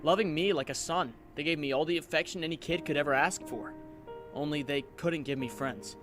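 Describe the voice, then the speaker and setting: A man's voice: a little high, a little fast, music in the background, close to an everyday voice. A man voicing an earnest, self-doubting and wry young superhero in a comic book dub, with theatrical delivery. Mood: earnest storytelling.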